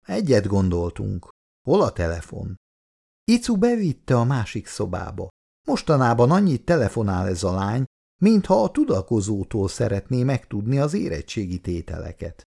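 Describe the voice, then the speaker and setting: A man's voice: fairly low pitch, sing-song, gravelly, dark tone, husky, full character voice. Man doing a jovial, teasing old father. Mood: wry. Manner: good-humoured, teasing. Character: jovial older husband and father.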